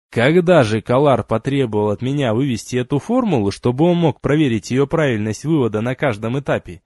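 A man's voice: medium pitch, a little mellow, dry recording. Man narrating with dry, wry colloquial tone. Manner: wry, colloquial storytelling with slang. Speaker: audiobook narrator. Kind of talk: first-person fantasy audiobook narration.

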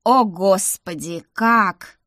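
A woman voicing a stern, sharp-tongued old grandmother who grumbles and scolds, in an audiobook reading. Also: mid-range voice, expressive, normal speed, dry recording, studio quality, natural voice. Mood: scolding.

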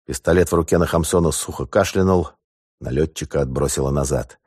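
A male audiobook narrator with a very deep voice, reading in a steady, measured way. The recording is dry and close to the mic. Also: slightly rough, no echo. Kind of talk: scripted narration.

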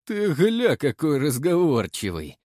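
A man's voice: high-pitched, sing-song, unhurried, a little mellow, no echo, voice pushed up, heavily acted. Male narrator playing a big growling thug, heavy-handed, dry close sound. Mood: gruff. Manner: growling, bullying. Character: hulking hungover village thug, gruff and suspicious.

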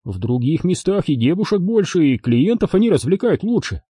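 A man's voice: on the high side, sing-song, normal speed, warm tone, husky, no room sound, clean studio sound, pitched above the performer's own voice. A man doing a cheeky, flippant brothel manager. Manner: joking, flippant. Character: cheeky male brothel manager, joking and sloppy.

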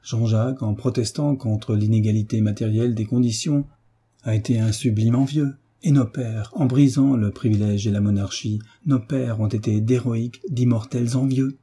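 A man's voice: mid-range voice, steady tone, moderate pace, dark tone, slightly rough, close to an everyday voice. A man reading the part of David, a fervent, idealistic male tutor, speaking in an impassioned, oratorical way in an audiobook. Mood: rousing.

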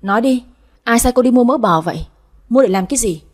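A cold, stern young master of the house, read by a woman narrator, speaking in curt commands. Her husky voice stays fairly high for him. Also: lively intonation, fairly quick, a little mellow.

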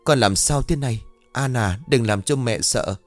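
A man's voice: medium pitch, moderate pace, no echo, soft background music, close to an everyday voice. A man voicing an anxious middle-aged mother who pleads tearfully with her daughter. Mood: pleading. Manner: worried, pleading.

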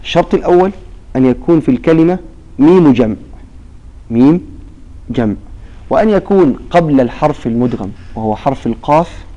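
Teacher with a mellow voice. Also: male voice, fairly high pitch, expressive, lo-fi sound. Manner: prompts students with half-finished questions; stretches out example words slowly. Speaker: Quran recitation teacher. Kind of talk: classroom lesson on recitation rules.

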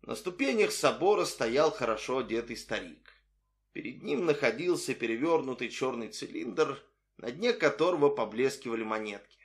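A man reading a novel aloud in expressive storytelling narration. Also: medium pitch, moderate pace. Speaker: audiobook narrator. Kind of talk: scripted narration.

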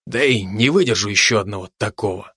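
A wounded, worn-out commando mutters low and faint, as a man reads him. The voice is quiet and heavy with fatigue, recorded dry and close for a storybook. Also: fairly quick, husky, dry recording. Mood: weary.

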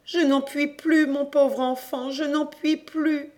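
An audiobook reader voicing a grieving mother who speaks in a high, strained, imploring voice. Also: little pitch movement, normal speed, darkish tone, natural voice. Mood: aghast pleading. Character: grieving old Breton mother, pleading.

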